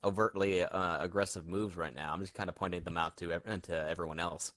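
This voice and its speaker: A man playing a tabletop game, thinking out loud hesitantly. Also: sits low, fairly even intonation, a little fast, dry recording. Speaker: player. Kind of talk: casual tabletop game talk.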